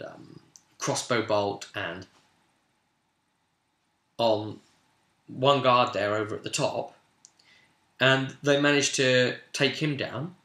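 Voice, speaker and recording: Acting as game master on his role-playing vidcast, this man gives a casual, lively recap of a tabletop session, his storytelling punctuated by abrupt, emphatic surges. The pitch is medium, captured in an echoey, spacious room.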